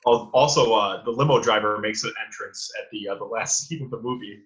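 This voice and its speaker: A man's voice: fairly low pitch, brisk, fairly bright tone, highs cut off. A young man co-hosting a podcast, rambling loosely as he explains favorite lines from a movie. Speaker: podcast co-host. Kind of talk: casual movie discussion.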